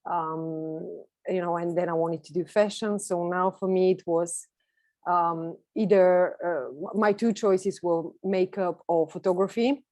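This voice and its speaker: With a lowish, slightly mellow voice and fairly even intonation, a Bulgarian woman in her 30s speaks unhurriedly on an online call. A native Bulgarian speaker and guest presenter, she's chatty and enthusiastic, laughing softly as she shares personal stories. The recording is dry.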